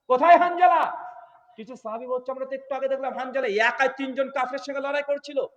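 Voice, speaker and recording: A man preaching a sermon in Bengali, telling a story dramatically and swinging between quiet speech and loud shouts. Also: extremely high pitch, flat delivery, quick pace. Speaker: Islamic preacher. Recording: long hall reverb.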